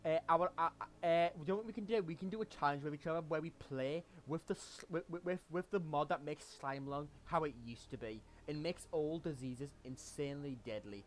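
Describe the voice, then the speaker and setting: A young man in a casual gaming chat, excitable, swearing often and stammering on restarts. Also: on the high side, brisk, hardly any pauses, a little hiss or hum.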